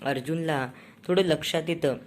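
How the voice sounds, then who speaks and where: A woman with a low voice and a Marathi accent recaps a TV serial in a relaxed, chatty way. She slips into the characters' lines with a lifted voice. A faint hiss of background noise sits under her. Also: normal speed. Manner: acts out characters' lines in quotes with raised pitch. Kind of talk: casual retelling of a TV serial episode.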